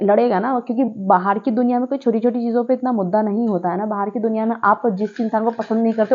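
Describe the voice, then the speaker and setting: A woman's voice: on the high side, a little mellow. Chatty opinionated woman, lo-fi. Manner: chatty, opinionated, mixes English words in. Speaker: show reviewer. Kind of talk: casual spoken review.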